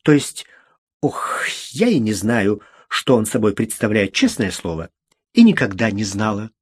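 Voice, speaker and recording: A man's voice: on the low side, sing-song, a little slow, slightly rough, exaggerated voice. A man reading a flustered young woman. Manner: sharp, flustered. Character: young woman of twenty-one, quick-tempered.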